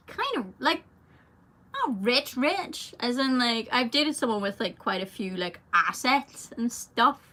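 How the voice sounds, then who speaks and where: Here the young woman singer's voice is a little high and comes across pushed and bright. She rambles casually through a livestream Q&A, filling gaps with fillers as she reads viewer comments.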